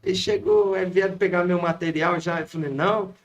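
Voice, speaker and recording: A man in his fifties, a pastor with a Brazilian Portuguese accent, telling a personal story in a lively, animated way. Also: sits high, normal speed, dull audio. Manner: lively anecdotal storyteller, acts out quotes. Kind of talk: storytelling in casual chat.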